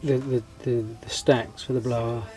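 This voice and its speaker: Speaking at a normal speed with a flat delivery, a medium-pitched man gives a casual vlog update for his scale model channel over music. He's congested from a cold and losing his voice, so he stumbles through with ums and restarts.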